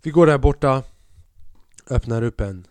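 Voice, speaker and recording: A man's voice: mid-range voice, a little mellow, smooth, no room sound. A man hosting a podcast who tells a comic story in a casual, slangy style, often swearing. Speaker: podcast host.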